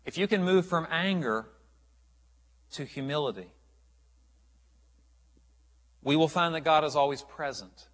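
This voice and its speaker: A man's voice: a little high, lively intonation, moderate pace, a bit bright, long reverb tail. A man preaching a sermon as a pastor, earnest and emphatic, often restarting his phrases.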